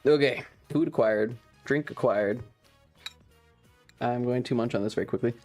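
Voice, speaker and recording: A streamer and ASMR video creator hosts a livestream, chatting casually and informally with viewers while rambling and thinking out loud. The voice is mid-range, a touch mellow, and moves at a normal speed, with faint music playing underneath.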